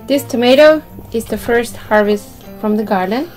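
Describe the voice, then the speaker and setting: A woman's voice: on the high side, normal speed, a little mellow. Chatty woman presenting her meal. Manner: chatty, presents each dish. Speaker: host of a food channel. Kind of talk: casual mukbang chat. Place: sunny room with large windows, indoors. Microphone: table mic in front of the couple. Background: music in the background.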